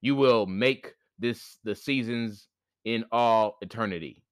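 A man voicing the great sun, a solemn male creator, who speaks in measured, commanding lines. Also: lowish voice, dry recording, studio quality.

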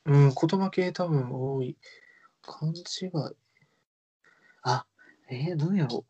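A man's voice: on the high side, slow, warm tone, breathy edge, dull audio. A young man with a Kansai accent, chatting casually as a podcast co-host, laughing often and trailing off. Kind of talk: casual chat.

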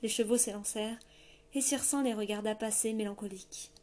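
A woman narrating a fantasy novel in a steady, measured storytelling voice. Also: mid-range voice. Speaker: audiobook narrator. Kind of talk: scripted narration.

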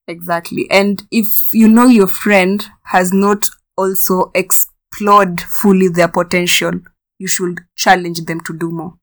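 A woman co-hosting a casual podcast chat, speaking in a measured, agreeable way. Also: lowish voice, steady tone. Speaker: podcast co-host.

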